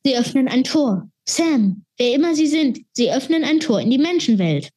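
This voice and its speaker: A small winged male creature gasps out alarmed warnings in a high, tight voice, voiced by a woman reading a children's book. His speech sounds anxious and hurried. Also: sing-song, mellow, husky, exaggerated voice. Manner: alarmed, breathless.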